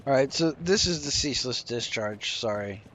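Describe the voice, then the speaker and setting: Slight background noise runs under this casual gameplay stream, where a weary man walks through each move and yawns. His voice is medium-pitched and moderately paced, picked up by a desk mic.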